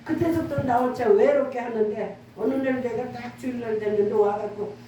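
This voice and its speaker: Middle-aged woman pastor, high voice, earnest and chatty delivery, recorded far off in a very echoey church room. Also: fairly quick, warm tone, slight background noise. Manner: earnest, conversational preaching with frequent call-and-response. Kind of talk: sermon.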